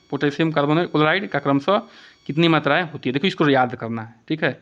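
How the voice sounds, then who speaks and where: A man's voice: a little high, a bit bright. A man teaching an exam-prep lesson, who poses each question and then answers it himself and repeats the key points. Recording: dull lo-fi recording.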